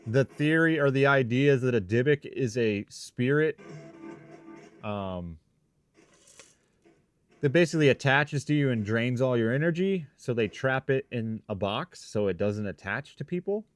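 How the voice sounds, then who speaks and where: A man's voice: medium pitch, lively intonation, measured pace, soft background music. A man hosting a live stream, talking informally and thinking aloud in rambling, broken phrases as he chats with viewers. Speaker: livestream host, paranormal investigator. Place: shop.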